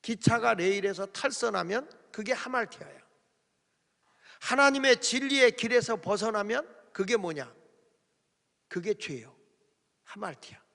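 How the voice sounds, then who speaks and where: A man delivers a revival sermon in a church, folksy and humorous, pausing to have the congregation repeat his words. His voice sits high and sounds bright and forceful. A long reverb from the hall trails each phrase. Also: animated, vocal fry. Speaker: guest revival preacher. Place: church sanctuary.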